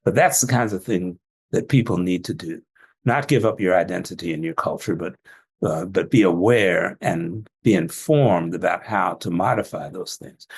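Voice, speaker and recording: Low, gravelly-voiced older man. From Jamaican family, trained in Atlanta. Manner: storytelling, laughs often. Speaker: physician guest. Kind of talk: casual interview talk.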